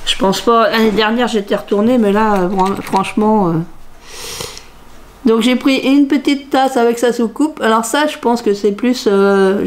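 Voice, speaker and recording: A middle-aged woman talks to a close desk camera in her home craft room, musing aloud as she sorts her finds. Her voice sits a little high, and she slips into sing-song repeats while searching. A faint noise floor runs under the recording. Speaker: crafts vlogger. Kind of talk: casual talk to camera showing craft-fair purchases.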